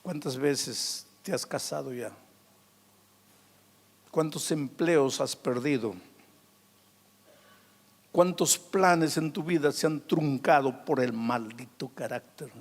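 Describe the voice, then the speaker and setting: A male pastor preaching a dramatic sermon, swinging from loud outbursts to hushed, soft passages. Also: on the high side, takes it slowly, pauses often. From Peru. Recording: long hall reverb.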